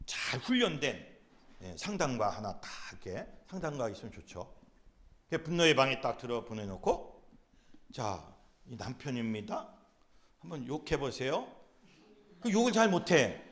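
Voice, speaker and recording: A male pastor teaching a class in a lively, emphatic way. His high voice swings widely in pitch and sounds bright and forceful. He repeats his points and acts out the people he talks about. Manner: emphatic, repeats key phrases; acts out angry quotes. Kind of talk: animated lecture.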